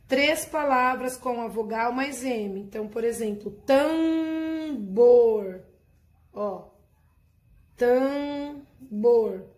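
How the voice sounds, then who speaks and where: A woman teacher walking her class through a workbook lesson in a patient, explanatory way, checking in with her students often. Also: mid-range voice.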